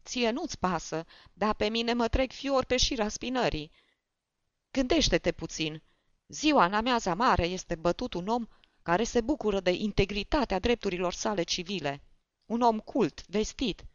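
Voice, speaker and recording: A narrator voicing a fretful middle-aged man who pleads in a high, whining voice. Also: animated, no echo. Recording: dull, dry.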